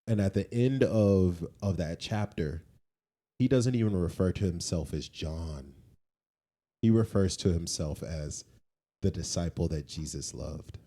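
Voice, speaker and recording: Chatting casually on a podcast he co-hosts, this man uses slang and keeps repeating phrases to drive points home. He speaks a little slowly, in a low, warm voice.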